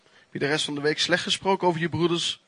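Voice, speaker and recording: A man preaching a sermon, telling his own testimony in an earnest, emphatic way with pauses and restarts. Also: a little high, fairly even intonation, a bit bright, dry recording.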